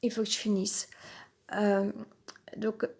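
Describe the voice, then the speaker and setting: A stuffy woman with a head cold delivers an improvised personal monologue, rambling and hesitant, full of fillers and restarts, from an uncomfortable spot with noise overhead. Her mid-range voice is completely flat, slow, slightly mellow and a little rough.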